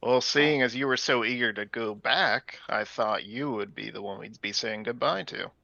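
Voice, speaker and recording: Male tabletop player, forceful and teasing, dry close sound with a slightly muffled top end. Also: mid-range voice, moderate pace, creaky, no room sound. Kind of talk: casual in-character table talk.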